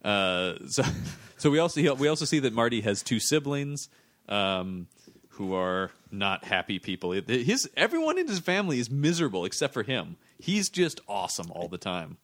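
A man's voice: medium pitch, big pitch swings, moderate pace, a bit bright, no room sound. A man hosting a podcast, chatting analytically about a film. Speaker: podcast host. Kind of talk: casual film discussion.

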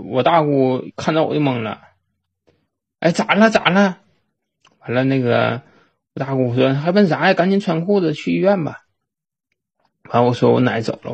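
A man with a Northeastern Mandarin accent, recalling a family memory in a halting, repetitive way with frequent restarts. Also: mid-range voice, creaky, darkish tone, breathy edge. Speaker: storyteller. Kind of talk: personal reminiscence monologue. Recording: dull lo-fi recording.

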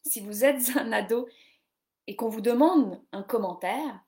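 A woman in her forties, a podcast host, runs a live reading session, chatting casually about reading on a live stream. She rambles and mocks herself, with many fillers and restarts. Her voice is a little high, a little slow and a little mellow.

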